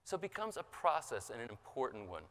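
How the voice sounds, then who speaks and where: A man giving an impassioned motivational seminar talk, raising his pitch for emphasis, recorded in a large conference hall. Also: sing-song, quick pace, a bit bright. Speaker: seminar speaker. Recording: large hall with long reverb.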